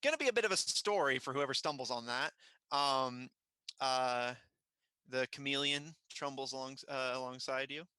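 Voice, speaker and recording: A man narrating a tabletop game as game master, improvising in a halting way as he searches for words. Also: mid-range voice, sharp tone, clean tone, no room sound.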